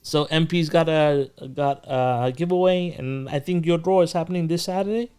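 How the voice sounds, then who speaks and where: A man's voice: fairly high pitch, normal speed, darkish tone, smooth, faint music behind. A man hosting a casual livestream chat, rambling with plenty of fillers and restarts. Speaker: host.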